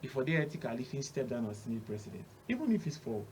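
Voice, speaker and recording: A man's voice: mid-range voice, big pitch swings, fast, darkish tone, slight background noise, poor audio. A Nigerian man giving opinionated Pidgin commentary as a panel analyst, emphatic and repeating phrases for stress.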